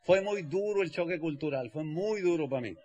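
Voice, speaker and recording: A man with a Mexican accent telling a personal story to an audience in an animated way, acting out the people he quotes with comic emphasis. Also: a little high, a little fast, dull audio. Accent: Mexican Spanish. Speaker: speaker.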